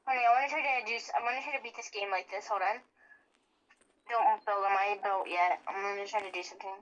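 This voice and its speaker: A young girl playing a game with her friend over voice chat, excitable and talking fast in bursts. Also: mid-range voice, muffled recording. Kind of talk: casual gameplay chat.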